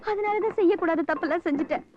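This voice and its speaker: An actress playing a repentant young wife who pleads for forgiveness in a film drama scene. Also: female voice, very high voice, very fast, a little mellow, a little hiss or hum. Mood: pleading. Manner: tearful pleading. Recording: muffled film soundtrack with music.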